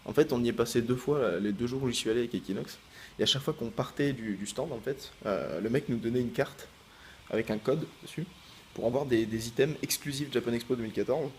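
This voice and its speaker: A man's voice: mid-range voice, fast, slight background noise. A man who makes gaming videos, chatting casually to his viewers in a rambling, hesitant way full of fillers and restarts. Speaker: gaming YouTuber. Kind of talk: casual vlog chat.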